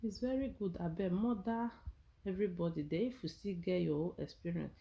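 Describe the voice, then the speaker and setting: Nigerian Pidgin-speaking woman, mellow voice. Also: lowish voice, brisk, gravelly. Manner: earnest, encouraging, often checking listeners understand. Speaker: vlogger sharing her experience. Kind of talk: casual personal vlog in Nigerian Pidgin.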